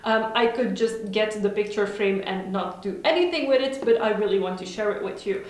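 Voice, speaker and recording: A native Dutch-speaking woman vlogs casually from a room at home, sounding upbeat and enthusiastic. Her medium-pitched voice moves a little fast, and the room is very echoey.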